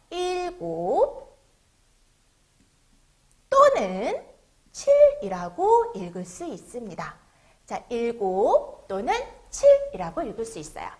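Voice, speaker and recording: A woman teaching young children to read and write numbers, drawing out words slowly for them to repeat. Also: a little high. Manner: sing-song, slow drawn-out counting for children to repeat. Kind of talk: children's math lesson.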